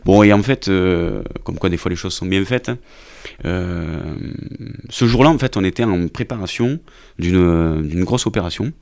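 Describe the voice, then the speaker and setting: A man, an army officer, telling a story in an interview with a gravelly voice and many hesitant restarts and fillers. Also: low-pitched, expressive, moderate pace, a little mellow. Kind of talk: conversational storytelling.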